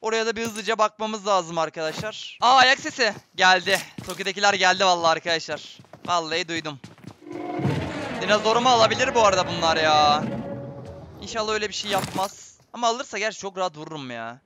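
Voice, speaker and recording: A young man giving excitable, chatty live commentary on a shooter game to his viewers. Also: sits high, quick pace, over music. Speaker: gaming streamer. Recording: game gunfire behind voice.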